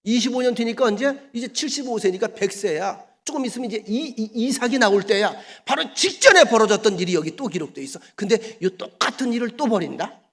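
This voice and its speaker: A man's voice: sits high, lively intonation, fairly quick, hardly any pauses, a bit bright. A male pastor preaching a sermon in a casual, talky way, firing rhetorical questions at the congregation. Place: church sanctuary. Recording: echoey church hall.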